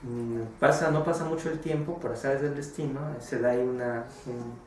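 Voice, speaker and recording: A man's voice: medium pitch, fairly even intonation, normal speed, darkish tone. A man teaching a religious class, telling a story in a conversational way with many filler words and tag questions. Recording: very echoey room, voice far from the mic, faint noise.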